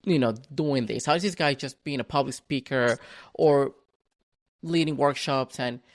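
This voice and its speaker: A man's voice: medium pitch, normal speed. Man telling his story. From Venezuela. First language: Spanish. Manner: frequent restarts and repeated words. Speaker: podcast guest. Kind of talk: casual reflective storytelling.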